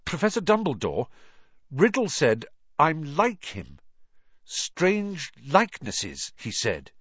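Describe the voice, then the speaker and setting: A high, strained young boy wizard, voiced by a man, pushing his words out in a rush and stumbling over them. His voice climbs and swings widely, and the recording sounds dull and dry. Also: huge pitch swings, takes it slowly, a bit bright, slightly rough, dry recording, heavily acted. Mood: anxious. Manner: urgent, faltering, rising. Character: anxious boy wizard, twelve, earnest.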